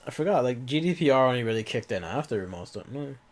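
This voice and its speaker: A man's voice: medium pitch, animated, quick pace. A man with an irritated throat and a cough, rambling through casual let's-play commentary with offhand swearing and muttered asides. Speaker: gaming video host.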